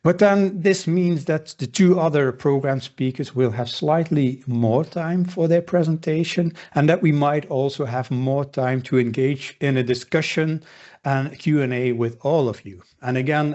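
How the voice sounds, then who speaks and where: A man's voice: mid-range voice, moderate pace, darkish tone, lo-fi sound. A man moderating an academic webinar over a video call, introducing speakers formally with small wry asides.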